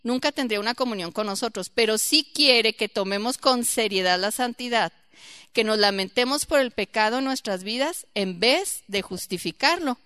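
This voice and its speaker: A woman giving a church Bible teaching, lively and questioning her group, acting out quoted voices. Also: fairly high pitch, moderate pace, smooth, dry recording.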